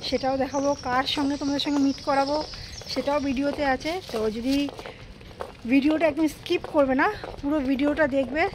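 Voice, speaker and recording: Chatty high-voiced woman vlogger. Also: steady tone, fairly quick, background noise. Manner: chatty, keeps urging viewers to look. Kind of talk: casual walk-and-talk vlog. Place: residential lanes, then a home.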